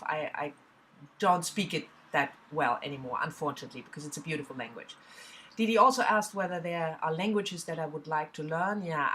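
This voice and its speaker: Speaking low-pitched and fairly bright, a middle-aged woman from southwest Germany vlogs about books in a casual, on-camera chat. Her German accent comes through, and she often restarts sentences and leans on fillers.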